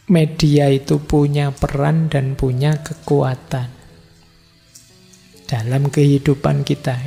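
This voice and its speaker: A middle-aged male lecturer teaches in an easygoing, conversational way. His voice sits a little high for a man, with a dark, gravelly texture. The sound is a long-reverb hall recording with faint music underneath. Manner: relaxed, conversational teaching with everyday examples. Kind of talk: philosophy lecture.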